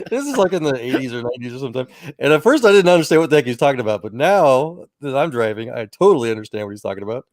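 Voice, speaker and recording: A man's voice: mid-range voice, lively intonation, very fast, few pauses, no echo. A man chatting casually about faith, telling rambling personal stories with many restarts and chuckles. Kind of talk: casual chat.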